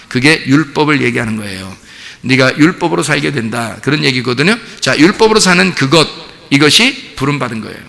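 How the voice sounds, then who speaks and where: A male pastor preaching a sermon with animated delivery, often firing rhetorical questions at the congregation. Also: fairly high pitch, vocal fry, big-room sound. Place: church sanctuary.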